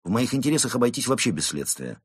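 Cheeky talkative tomcat, voiced by a man, husky, bouncy intonation. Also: medium pitch, big pitch swings, fast, no echo, studio quality, voice pushed up. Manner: glib, mock-innocent, argumentative. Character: cheeky smooth-talking male tomcat suspect.

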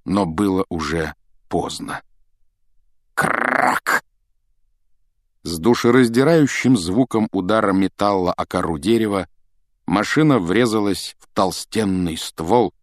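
Low-voiced male audiobook narrator. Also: no room sound, clean studio sound. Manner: dramatic storytelling, voices characters. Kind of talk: expressive audiobook reading.

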